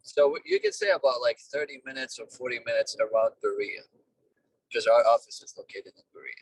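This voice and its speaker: A man talking over a car speakerphone while driving, a business owner giving plain, halting explanations in a casual interview. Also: medium pitch, huge pitch swings, vocal fry, slightly rough, no echo. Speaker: duct cleaning business owner, guest. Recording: distant car speakerphone call.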